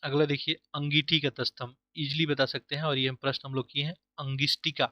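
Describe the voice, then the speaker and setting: Bright, dry-voiced male Hindi tutor. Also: fairly high pitch, flat delivery, brisk, no echo, highs cut off. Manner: explains each answer, then repeats it to drill it in; questions the class and answers himself. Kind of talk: online exam-prep lesson.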